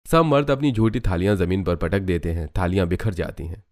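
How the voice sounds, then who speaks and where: A man narrating a cartoon story, low and even. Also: a little fast. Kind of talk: scripted narration.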